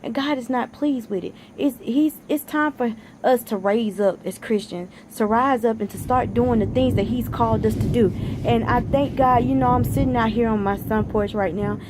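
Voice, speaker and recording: A woman's voice: fairly high pitch, moderate pace, noisy background. A woman giving an earnest, repetitive devotional exhortation while sitting out on her sun porch, near tears. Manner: earnest, preachy, repeats for emphasis. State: close to tears. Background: thunder outside.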